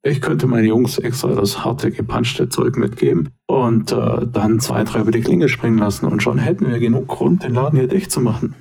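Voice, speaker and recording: A man voicing a menacing male gangster boss who threatens calmly. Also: mid-range voice, normal speed, vocal fry, hardly any pauses. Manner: calm, intimidating.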